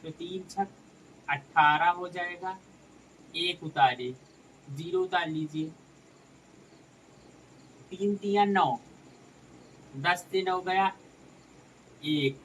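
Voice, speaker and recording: A man's voice: high voice, very slow, long pauses, fairly bright tone, far from the mic, a little hiss or hum, rough recording. Man teaching maths, a bit off-mic. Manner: addresses viewers as friends, talks through each step. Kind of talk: step-by-step maths lesson.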